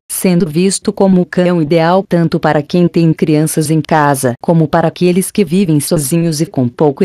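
A woman gives a scripted narration for a pet channel, reading in an even way and reciting lists of names. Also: low-pitched, no echo, clean studio sound. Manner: even read-aloud delivery, reciting name lists.

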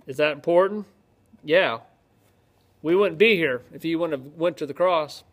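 Man, 30s, pastor, casual Bible teaching, joking asides, emphatic scripture reading, webcam in an office. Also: high voice. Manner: conversational, joking asides, reads scripture aloud with rising emphasis. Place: office-like room with ceiling lights, indoors.

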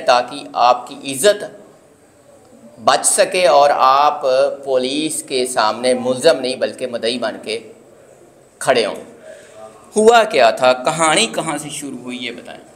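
A man interviewing a guest for a news channel, calm and probing, adding moral advice to viewers. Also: mid-range voice, unhurried. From Pakistan.

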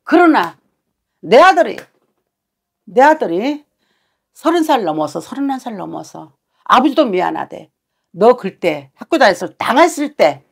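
Blunt shaman lady scolding a client, lively rising and falling voice, bit of fry. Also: medium pitch. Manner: blunt, scolding, uses coarse words. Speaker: shaman fortune teller. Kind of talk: fortune-telling consultation.

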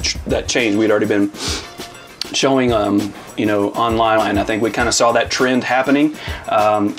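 Earnest pastor talking things through. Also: male voice, on the low side. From Arizona. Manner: reflective, earnest, speaks in long loose sentences with fillers. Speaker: lead pastor. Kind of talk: casual interview chat.

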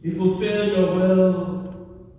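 A male priest leading a service with slow, solemn sung prayers, his voice carrying a cathedral echo. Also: high voice, fairly even intonation, highs cut off. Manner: chanting slowly and solemnly. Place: large church. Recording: echoey church hall from far off.

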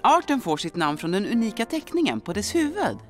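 A woman voicing a cheerful adult female professor who briefs her team in a dubbed cartoon, brisk and instructive. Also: mid-range voice, sing-song, natural voice. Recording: music bed behind voice.

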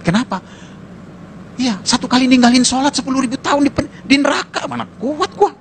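A man preaching a sermon to a congregation as pastor, in an animated, colloquial way with mocking asides. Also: very high voice, brisk, a little hiss or hum.

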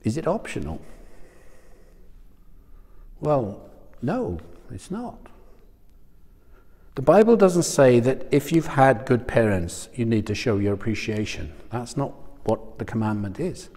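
With lively intonation, a slow delivery and long pauses, this man's medium-pitched, darkish voice carries a big-room sound. He is a church speaker giving a conversational sermon on a lapel mic in a small studio room before a screen, regularly asking his listeners questions.

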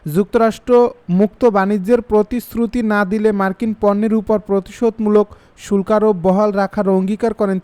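A man reading international news bulletins in an even, formal scripted manner. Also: sits high, clean tone. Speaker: news reader.

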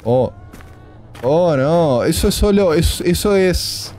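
A man's voice: on the high side, lively intonation, takes it slowly, darkish tone, a little hiss or hum. A man doing horror game commentary for a gaming video, joking and nervous as he talks through the game.

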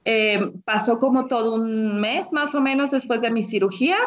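A woman with a Mexican accent, giving a personal testimony as an interview guest, telling her story in an animated way and acting out what others said. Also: on the high side, moderate pace, lo-fi sound.

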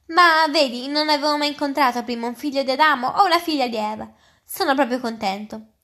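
A woman's voice: high-pitched, fairly quick, pushed and bright, voice pushed up. A fussy, courteous faun, read by a woman. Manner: courteous, eager, slightly flustered. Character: polite, fussy male faun, gentle and nervous. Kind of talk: reading aloud.

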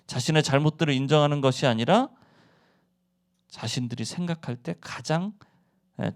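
A man's voice: on the high side, a little mellow. A male pastor preaching a sermon who keeps asking the congregation questions and answering them himself.

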